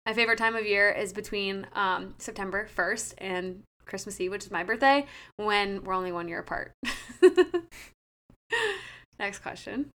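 A woman's voice: medium pitch, moderate pace, a bit bright. A woman in her late twenties co-hosting a casual podcast as a trainer, chatty and full of "like". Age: 20s. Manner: chatty, fills talk with "like". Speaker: podcast co-host and personal trainer.

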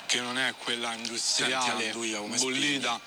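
A man's voice: mid-range voice, flat delivery, unhurried, pushed and bright. A man with a Roman accent giving casual food commentary in a played clip.

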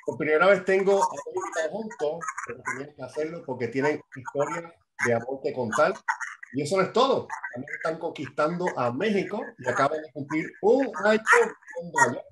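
A man's voice: fairly high pitch, animated, quick pace. A man hosting a wrestling show, greeting viewers in a presentational lucha libre announcer manner. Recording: noisy audio with clicks.

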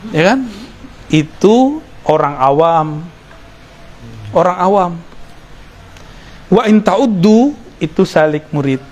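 Man giving a relaxed sufi lecture. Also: sits high, slow, long pauses. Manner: relaxed, joking aside with listeners. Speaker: religious teacher. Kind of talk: sufi study-circle lecture.

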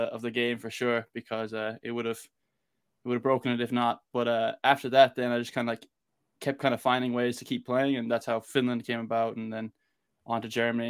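An American football player from Galway speaks with a west of Ireland accent as a guest on a casual podcast. His mid-range voice has a clean tone, and he talks informally, rambling a little.

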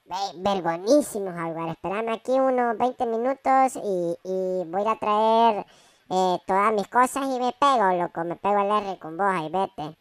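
A woman's voice: medium pitch, normal speed, no echo, natural voice. Dopey tagalong sidekick, voiced by a woman, slangy, recorded dry. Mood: eager. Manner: slangy, swears casually. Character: dim-witted young male sidekick, scruffy tagalong. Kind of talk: amateur audio story acting.

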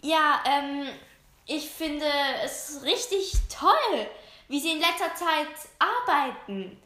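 A girl voicing a flattering schoolgirl who sucks up to the teacher in a sugary tone. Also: sits high, takes it slowly, a little hiss or hum, heavily acted. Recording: roomy echo.

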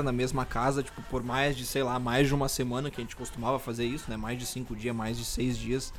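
A young man chats on a podcast in a laid-back, storytelling way. His voice sits at an ordinary middle pitch, and he laughs easily. Faint music plays behind him. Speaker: podcast co-host. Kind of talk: casual chat.

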